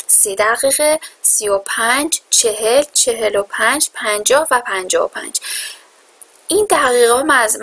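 This woman. She runs a lesson and explains it in her own language. She drills the English phrases slowly and clearly so her students can repeat them. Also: fairly high pitch, fairly bright tone. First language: Persian. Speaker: English teacher.

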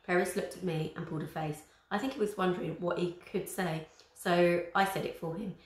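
A woman's voice: lowish voice, fairly even intonation, fairly quick. A female teacher reading a children's chapter book aloud, with chatty asides to young listeners. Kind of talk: storybook read-aloud. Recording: roomy echo.

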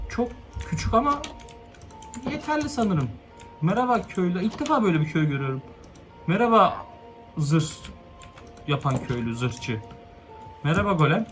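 A young man commenting on his own Minecraft game, swinging between hushed muttering and frustrated yelps. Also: high voice. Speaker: gaming YouTuber. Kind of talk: Minecraft let's play commentary.

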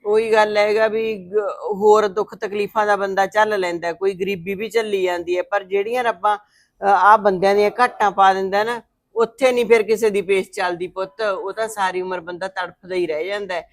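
A motherly middle-aged aunt, played by a woman in a drama. She speaks in a soft, soothing way and leans on proverbs. Her voice sits at an ordinary pitch. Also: steady tone, normal speed, close to an everyday voice. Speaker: older aunt comforting her niece. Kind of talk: Punjabi web drama acting.

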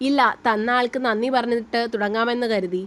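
A woman voicing a shy young woman who speaks hesitantly and softly. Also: fairly high pitch, brisk, natural voice. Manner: hesitant, soft.

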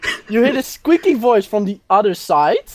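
A man acting as dungeon master, narrating and explaining rulings in halting bits over voice chat. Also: high-pitched, sing-song.

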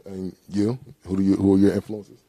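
A man's voice: low-pitched, level tone, normal speed, warm tone. A man in his forties interviewing musicians with a handheld mic on a concert hall stage, chatty and playful. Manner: chatty, playful, ushers guests along. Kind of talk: casual interview.

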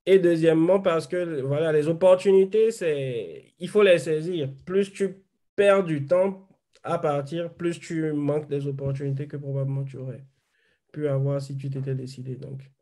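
Young male panelist, video call; slightly higher voice, reflective and methodical. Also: steady tone, moderate pace, mellow. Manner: reflective, explains step by step. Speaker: panelist, software engineer. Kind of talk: online panel discussion.

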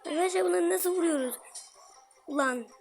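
A woman giving excitable let's-play commentary, talking straight to her viewers and grumbling at the game. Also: extremely high pitch, brisk, gravelly, soft background music. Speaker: gameplay commentator.

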